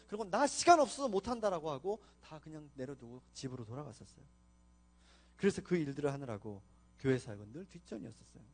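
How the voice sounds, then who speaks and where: A man preaching a sermon as a pastor, telling stories and acting out the dialogue, loud at times and soft at others. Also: high voice. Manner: storytelling, acting out his own dialogue with swings in loudness. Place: church sanctuary.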